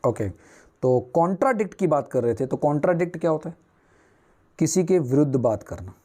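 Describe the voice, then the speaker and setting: A man's voice: fairly high pitch, expressive, brisk, dark tone. A man teaching newspaper vocabulary, asking and answering his own questions at a whiteboard.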